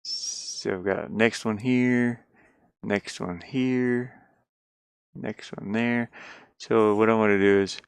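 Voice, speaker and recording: On his live stream, a DIY builder works with his hands and casually thinks aloud, muttering and wandering through each step for the audience. He speaks slowly in a fairly low, steady voice with vocal fry, and the sound is clean with no echo.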